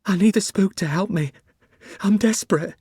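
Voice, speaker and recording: A man reading aloud voices a desperate young farmer's wife, pitching his voice high and strained with grief. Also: normal speed, darkish tone, breathy edge, dry recording, clean studio sound. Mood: frantic, tearful.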